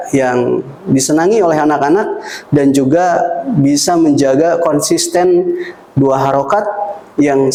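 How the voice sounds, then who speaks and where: A man's voice: on the high side, darkish tone, roomy sound, rough recording. A man teaching Quran recitation melodies, explaining patiently and singing short demonstrations for listeners to repeat.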